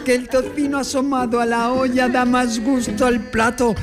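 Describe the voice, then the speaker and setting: A man's voice: very high-pitched, flat delivery, moderate pace, loud music behind the voice. A man playing a sly, pompous, miserly schoolmaster in an audio drama. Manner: sanctimonious, pompous. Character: miserly, sly, wheedling schoolmaster in old Spain.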